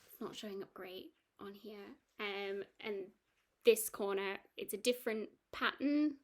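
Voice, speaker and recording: A woman's voice: medium pitch, unhurried, a little mellow. A woman chatting casually about her cross-stitch projects, rambling with lots of ums and restarts. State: has the hiccups. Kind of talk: casual chat.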